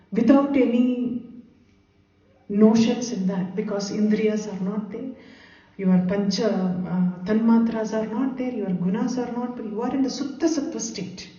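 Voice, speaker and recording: A woman's voice: a little high, warm tone, recorded from a distance. A woman giving a devotional scripture lecture who chants Sanskrit verses and then explains them, often repeating phrases. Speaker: spiritual teacher. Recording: roomy hall recorded from afar, dull lo-fi.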